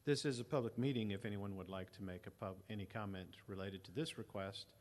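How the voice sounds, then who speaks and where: A man's voice: fairly low pitch, a little mellow. A man chairing a public board hearing in a formal, procedural manner, heard on a meeting-room hearing recording. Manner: measured, procedural.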